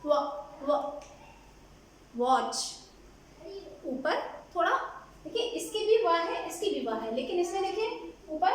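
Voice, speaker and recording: A woman teaches phonics, repeating each letter sound and quizzing her listeners. Her voice is very high and unhurried. The room is strongly echoey. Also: fairly bright tone, a little hiss or hum. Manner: slow, patient, repeats sounds and asks questions. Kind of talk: phonics lesson.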